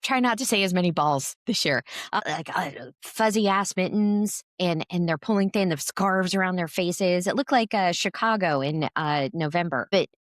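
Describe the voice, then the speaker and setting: A woman's voice: lowish voice, moderate pace, hardly any pauses, no room sound, studio quality. A woman co-hosting a podcast, telling a long story in casual chat with lots of fillers and restarts. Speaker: podcast co-host.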